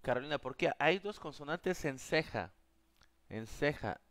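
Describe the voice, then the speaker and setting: A man's voice: on the high side, expressive, unhurried, a bit bright. A man with as his teaching a live online class, patiently answering viewers' questions. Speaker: Korean teacher.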